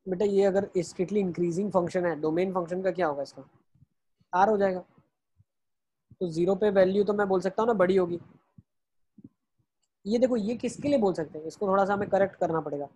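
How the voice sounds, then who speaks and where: A man's voice: sits high, brisk, long pauses, dark tone, slight background noise. A man teaching math in an online lecture, explaining each step and answering his own questions as he goes, with English phrases mixed in.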